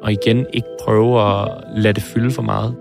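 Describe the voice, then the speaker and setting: A man in his twenties, speaking hesitantly and thoughtfully in an interview, often pausing and restarting. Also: lowish voice, flat delivery, gravelly, music in the background. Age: 20s. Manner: hesitant, pauses and restarts, searching for words. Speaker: film director interviewed about his heart surgery. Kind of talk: reflective interview.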